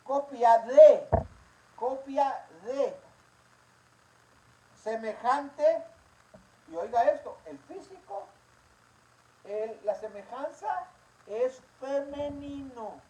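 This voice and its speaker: A slow-speaking Bible teacher lays out a religious lesson with emphatic repetition and rhetorical questions. A steady hiss of background noise runs clearly under the voice throughout. The delivery stays unhurried and insistent. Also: high-pitched, low-quality recording. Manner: emphatic, repeats words and asks rhetorical questions.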